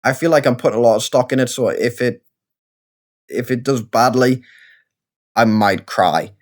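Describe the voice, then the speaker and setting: A man with a Geordie accent talks through his gameplay in a loose, rambling way. He pokes fun at himself as he goes, in an easy, mid-pitched voice. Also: normal speed. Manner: rambling, self-deprecating, chatty. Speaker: gaming video creator. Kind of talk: casual let's-play commentary.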